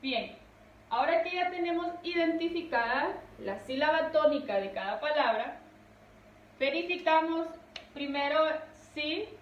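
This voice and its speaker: Slow, high-voiced woman teacher. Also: lo-fi sound. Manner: slow, deliberate, stresses syllables. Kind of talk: classroom grammar lesson. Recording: echoey room, distant mic, faint noise.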